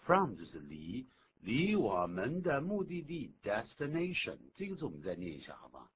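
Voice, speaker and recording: Animated male radio English teacher. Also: moderate pace. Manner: animated, exaggerated pitch jumps when demonstrating. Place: radio studio. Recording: dull lo-fi radio recording, faint hiss.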